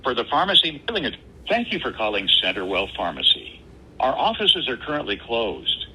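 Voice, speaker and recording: A man's voice: mid-range voice, wildly swooping pitch, normal speed, bright, forceful tone, slight background noise, poor audio. Man's voice on a recorded phone menu message. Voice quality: evenly paced, announcing manner. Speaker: automated pharmacy phone system.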